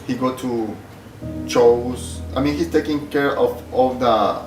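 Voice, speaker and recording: A man's voice: medium pitch, slow pace. Hesitant middle-aged man from El Salvador. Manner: hesitant, plain-spoken, many fillers. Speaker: shop owner. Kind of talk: interview. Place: clutch workshop. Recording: roomy sound from a distant mic, music behind.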